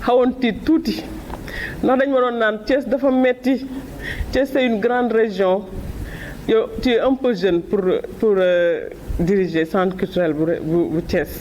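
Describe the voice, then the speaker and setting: A Senegalese woman giving an emotional farewell speech, halting and repeating words, crying with joy. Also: medium pitch, fairly even intonation, a little mellow, slight background noise, poor audio. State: tearful with joy, happy crying. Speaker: departing cultural centre director.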